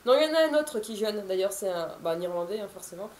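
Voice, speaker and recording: A woman's voice: mid-range voice, animated, rapid-fire, darkish tone, reverberant. A woman in her thirties, an author, chatting to camera in a casual, rambling way with many fillers and restarts. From France. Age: 30s.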